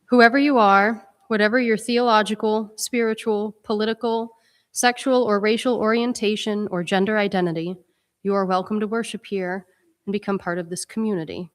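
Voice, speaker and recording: A woman's voice: medium pitch, fairly even intonation, normal speed. Congested woman speaking in a reverberant church. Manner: chatty, informal, with frequent ums. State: congested with a head cold. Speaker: minister leading worship. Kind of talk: church welcome and announcements. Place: church sanctuary. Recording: long reverb in a church sanctuary.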